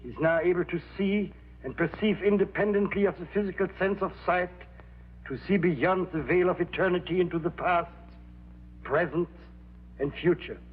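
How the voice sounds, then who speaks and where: An actor playing a con man who poses as a temperamental hypnotist professor, with grandiose, deliberate delivery in a vintage crime drama. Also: high-pitched, close to an everyday voice. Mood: solemn, pompous. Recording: tinny band-limited old TV soundtrack, humming noise.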